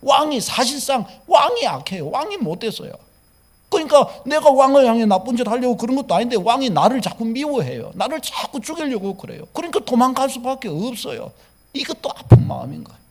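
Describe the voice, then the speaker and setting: Man, pastor, Gyeongsang accent, high-pitched, very lively intonation, sermon in a church. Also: brisk. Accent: Gyeongsang Korean. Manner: animated preaching with acted-out laments. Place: church sanctuary.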